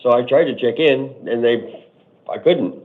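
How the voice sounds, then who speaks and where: A man in his forties speaking as a defendant, explaining himself haltingly and spontaneously to a judge. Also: mid-range voice. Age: 40s. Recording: muffled phone-like courtroom audio.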